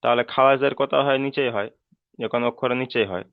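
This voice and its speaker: Over an online call, a man teaches Quran letter pronunciation, patiently drilling each letter and frequently checking that students are following. His medium-pitched voice is steady and very fast, and the audio is dry and phone-like.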